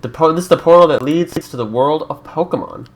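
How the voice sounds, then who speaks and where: Young canadian guy, let's-play commentary, joking, slightly high voice. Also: brisk. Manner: chatty, joking, reads game prompts aloud and laughs often. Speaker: YouTuber.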